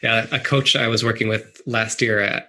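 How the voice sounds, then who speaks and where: A soft-spoken man hosting a podcast interview, chatting in a friendly, halting way. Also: lowish voice, fairly even intonation, a little hiss or hum. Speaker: podcast host. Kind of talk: casual interview chat.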